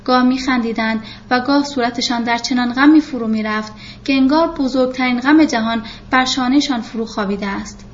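A woman calmly reading a novel aloud as the narrator of an audiobook. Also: on the high side, highs cut off, a little hiss or hum.

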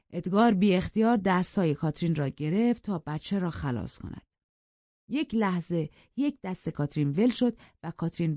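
A woman narrating an audiobook in an even, measured storytelling manner. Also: lowish voice, vocal fry, dry recording, lo-fi sound. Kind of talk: scripted narration.

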